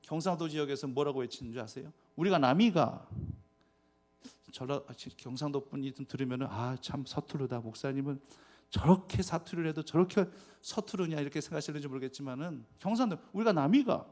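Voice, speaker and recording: A man preaching as a pastor in a church. He keeps asking the congregation rhetorical questions and swings from loud, stressed words to quiet asides. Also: medium pitch, fast talker. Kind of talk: sermon. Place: church sanctuary.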